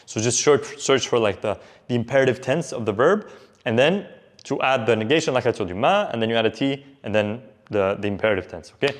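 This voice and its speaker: Fast-talking man teaching, Levantine Arabic accent. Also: medium pitch, lively intonation. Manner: informal, repeats example phrases, checks in with short tag questions. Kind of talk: casual instructional video, switching between English and Levantine Arabic examples.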